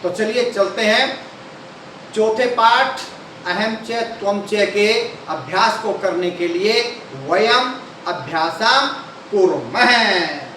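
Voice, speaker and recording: A man's voice: high-pitched, slow, fairly bright tone, slight background noise. A male teacher and channel host who opens the lesson by speaking directly to his students. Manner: friendly, addresses students directly. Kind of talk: lesson introduction. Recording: very echoey room, voice far from mic.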